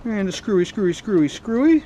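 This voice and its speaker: Over slight background noise, a man's high, warm voice swings widely in pitch at a fairly quick clip. As host of hobby repair and scrapping videos, he rambles informally through a hands-on repair, talking to himself in folksy muttered asides.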